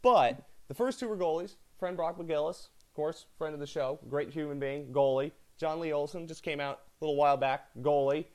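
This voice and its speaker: A man's voice: on the high side, moderate pace, hardly any pauses. A man with a North American accent, interviewing as a podcast host in a chatty, effusive way.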